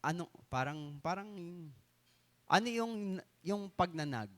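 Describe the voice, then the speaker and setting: A middle-aged pastor from the Philippines preaching a live sermon to his congregation, often asking "no?" and stretching key words slowly for emphasis. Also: sits high, animated, a bit bright. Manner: keeps adding tag questions "no?" to the congregation. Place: church hall.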